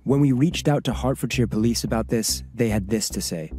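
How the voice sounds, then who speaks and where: A man narrating a documentary and interviewing, with calm, probing, measured questions. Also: mid-range voice, soft background music.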